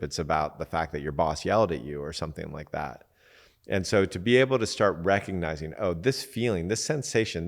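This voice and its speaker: A man, a podcast host and coach, giving relaxed, candid advice in casual talk, swearing now and then and acting out little quotes. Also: low-pitched, vocal fry, long reverb tail.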